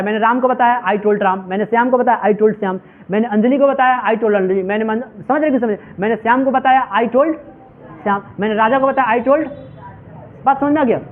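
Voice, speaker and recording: A male English teacher giving a classroom lecture, asking his students question after question and calling them "my children". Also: very high voice. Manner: repetitive call-and-response questioning. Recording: tinny phone-like audio.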